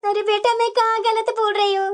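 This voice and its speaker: A scheming old mother-in-law from a cartoon family drama, voiced by a woman. She talks in a very high, piercing voice and mixes scolding with self-pity, always reproaching her son and daughters-in-law. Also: level tone, brisk. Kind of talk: animated family drama dialogue.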